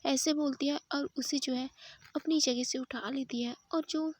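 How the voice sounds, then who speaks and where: A woman telling a romance story in a hushed, often whispered, unhurried way, close to the mic. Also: sits high, fairly even intonation, no room sound.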